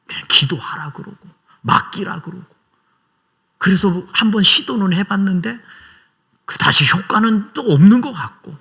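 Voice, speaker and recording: A man's voice: high-pitched, animated, normal speed, creaky, sharp tone, husky. A male pastor preaching a conversational, emotional sermon in a small church, acting out prayers aloud.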